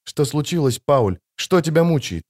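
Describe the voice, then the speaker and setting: Jessica, a man doing a gentle soothing mother. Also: on the high side, very animated, normal speed, voice pushed up. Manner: soft, soothing. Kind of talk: audiobook character voice.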